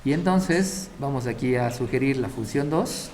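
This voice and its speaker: A man's voice: mid-range voice, measured pace, a little mellow, slight background noise. Man teaching math aloud. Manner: explains step by step, often checking the class with short questions. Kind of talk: classroom math lecture.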